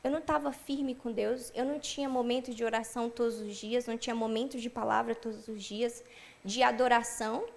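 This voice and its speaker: A young woman shares her personal testimony with a church audience. Her high voice has a gravelly edge. She tells the story in a lively way and acts out the dialogue she remembers. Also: a little fast. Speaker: church member giving a testimony.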